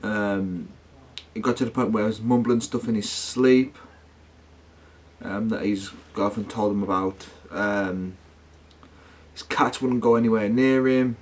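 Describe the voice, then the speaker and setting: A man's voice: on the low side, measured pace. A man talking casually to his viewers as a paranormal vlogger, rambling and slangy, often correcting himself. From United Kingdom.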